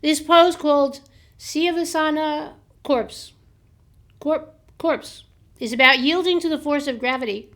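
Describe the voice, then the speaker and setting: An American woman hosting a book show, chatting casually and reading aloud from books and notes, a little hoarse from a slightly sore throat. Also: high-pitched, a bit bright. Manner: chatty, laughs at herself, reads aloud haltingly. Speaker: host of a book review show.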